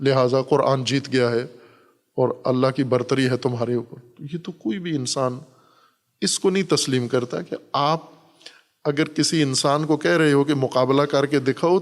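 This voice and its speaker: A man's voice: a little high, long reverb tail. A man giving a Quran commentary lesson, explaining patiently with repeated examples. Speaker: Quran teacher. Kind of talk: Urdu Quran commentary lecture.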